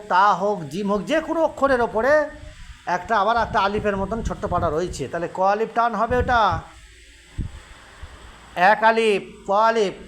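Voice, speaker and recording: A man's voice: sits high, noisy background. A man teaching a child to read Arabic letters, patiently drilling sounds in call and response and asking checking questions. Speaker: Quran reading teacher.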